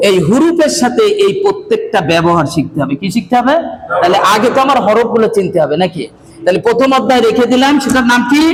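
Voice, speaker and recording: Male Quran reading teacher, very high voice, quizzes and drills the class; echoey, noisy room. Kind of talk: classroom lesson. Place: classroom with a board. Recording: echoey room, loud background noise.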